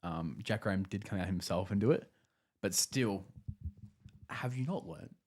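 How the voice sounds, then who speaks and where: A man's voice: lowish voice, normal speed, a little mellow. An Australian man co-hosting a podcast with casual sports chat. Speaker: podcast co-host.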